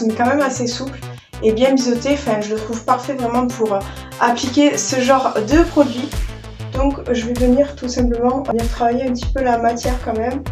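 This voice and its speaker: Brief: woman beauty vlogger, high bright voice, chatty step-by-step talk, roomy echo. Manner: chatty, explains each step with fillers. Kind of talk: casual makeup tutorial narration.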